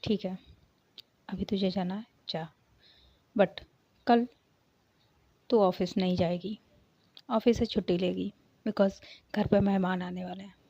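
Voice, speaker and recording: Woman doing a strict mom scolding her daughter, slow and low-key, gravelly, muffled lo-fi audio. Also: fairly even intonation, mellow, no room sound. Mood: stern. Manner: scolding, curt. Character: stern middle-aged mother, suspicious and scolding. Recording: dull lo-fi recording.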